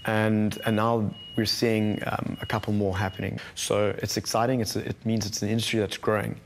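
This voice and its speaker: Gravelly, flat-voiced man in interview. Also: lowish voice, moderate pace, slight background noise. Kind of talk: interview answers.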